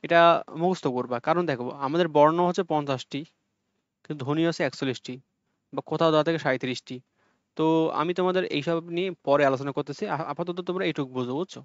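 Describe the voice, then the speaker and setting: Fast-talking male tutor. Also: on the high side, dry recording. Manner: explains step by step, repeating key points and checking understanding. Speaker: teacher. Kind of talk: exam-prep Bangla lesson. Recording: dull lo-fi audio.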